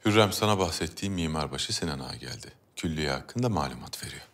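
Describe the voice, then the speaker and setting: Ottoman sultan for period drama: extremely low voice, measured, commanding yet gracious. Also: animated, background noise. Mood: regal approval. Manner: measured, regal, terse.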